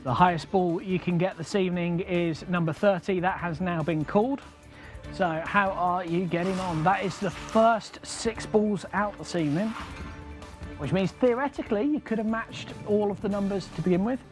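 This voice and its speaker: Male bingo caller, high voice, live-stream host, repeated number patter, faint music behind. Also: normal speed.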